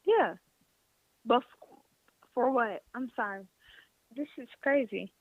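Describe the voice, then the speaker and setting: A woman's voice: fairly high pitch, animated, slow pace, dry recording. A woman from Detroit, a singer and teacher, talking candidly and animatedly as a podcast guest. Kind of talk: casual chat. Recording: tinny phone-like line.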